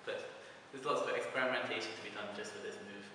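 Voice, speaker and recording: Here a man with a lowish, fairly even voice talks quickly as he demonstrates a prop-spinning trick, narrating each step in a loose, casual way for a video tutorial. Background noise comes through, and the mic sits far off in an echoey hall.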